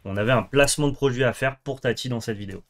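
Young dude backseat-gaming his friend's card game, jokes around, swears a bit when it goes wrong, normal middle pitch. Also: fast. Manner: banters and coaches plays, swears when frustrated. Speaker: co-host and card game player. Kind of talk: casual gameplay chat.

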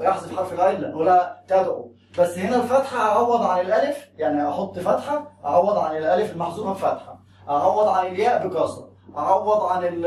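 A man's voice: high-pitched, a little mellow, echoey room, recorded from a distance, slight background noise. A man with an Egyptian Arabic accent teaching a grammar lesson, explaining step by step and asking and answering his own questions.

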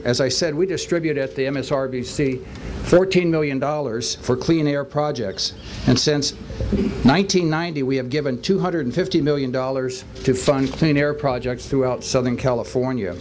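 An older Los Angeles man, a county supervisor, gives a folksy public speech at a press event, speaking from a podium mic and sprinkling in baseball metaphors. His pitch is medium. He stands outdoors in a stadium lot beside a bus, with outdoor noise in the background.

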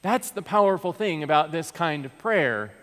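Speaking at a normal speed, this pastor has a slightly high, animated and somewhat bright voice. He is an American in his thirties, delivering an earnest, conversational sermon from the pulpit of a large sanctuary with many restarts. The recording captures a pulpit mic from a far camera, soaked in long church reverb.

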